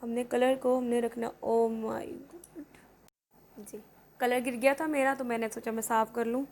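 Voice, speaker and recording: A woman's voice: on the high side, flat delivery, brisk, a little mellow, slight background noise. A woman hosting a casual makeup tutorial, chatty and often checking in with "okay". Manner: chatty, repeats "theek hai" often. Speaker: makeup vlogger.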